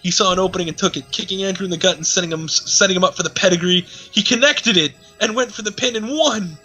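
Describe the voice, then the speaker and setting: With music running in the background, a man reads amateur fiction on stream in a mock-dramatic, amused way, tossing in sarcastic comments. His voice is high-pitched and bright, and he talks fast with a forceful tone.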